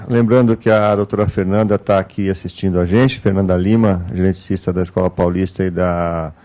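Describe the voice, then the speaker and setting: Homem de voz grave e suave. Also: male voice, fairly low pitch, dark tone. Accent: Brazilian Portuguese. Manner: measured, frequent "né?" tags. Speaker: meeting moderator. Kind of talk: online clinical case meeting.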